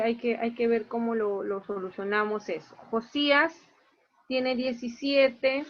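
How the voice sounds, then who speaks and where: With her voice on the high side, a woman leading an online class walks through every student's grade in turn and explains each mark matter-of-factly. The highs are cut off in the audio.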